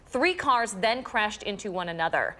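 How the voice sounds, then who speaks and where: A woman anchoring morning news, reading stories in a measured, steady way. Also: mid-range voice.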